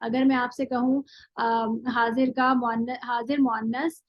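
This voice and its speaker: A woman's voice: on the high side, little pitch movement, no echo, lo-fi sound. Woman teaching grammar in a lecture. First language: Urdu. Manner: explains step by step, often checks with "thik hai"; drills word forms slowly, one at a time. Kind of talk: classroom lecture.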